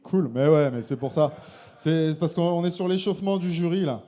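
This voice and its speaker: A man's voice: a little high, normal speed, dark tone. A man performing his slam poem live on stage, with playful, laughing asides between verses. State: tipsy from beer. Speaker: slam poet and co-host. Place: live slam venue with audience.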